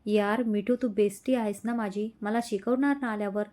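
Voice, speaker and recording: A woman's voice: medium pitch, steady tone, normal speed, dark tone, natural voice. A woman voicing a playful young male friend. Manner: joking, wheedling.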